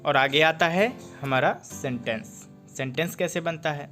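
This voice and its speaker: A man teaching a grammar lesson. He reads English definitions slowly, explains them in Hindi, and asks questions he then answers himself. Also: fairly high pitch, a bit bright, soft background music.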